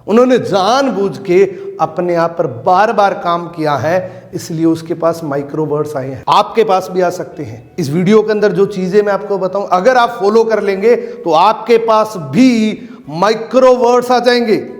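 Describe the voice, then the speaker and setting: A man with a high, bright voice leads a motivational network marketing training. He speaks with emphasis, comes back to his key phrases again and again, and acts out example lines. A long hall reverb trails behind each sentence. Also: normal speed.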